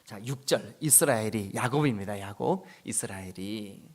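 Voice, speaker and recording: A middle-aged man from South Korea, a pastor giving an early-morning church sermon, telling the story with lively acted-out voices and soft whispered asides. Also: lowish voice, moderate pace.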